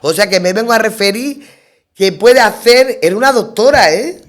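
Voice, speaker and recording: A middle-aged woman speaking as a guest in a round-table radio conversation. She tells her story lively, slipping into the voices of the people she quotes. Her talk rambles, with restarts and repeated words for emphasis. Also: fairly high pitch, moderate pace. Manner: lively storyteller who acts out quoted dialogue.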